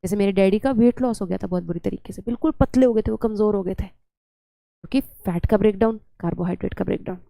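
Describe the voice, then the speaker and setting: A woman's voice: mid-range voice, quick pace, vocal fry, mellow, dry recording. A young woman teaching biology in a chatty, scolding lecture style, often slipping English terms into her talk.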